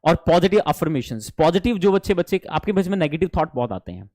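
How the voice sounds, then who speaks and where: A young adult man with an Indian accent, teaching an online spoken English class in an animated way and mixing English phrases into Hindi. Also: fairly high pitch, fast talker, no echo, studio quality.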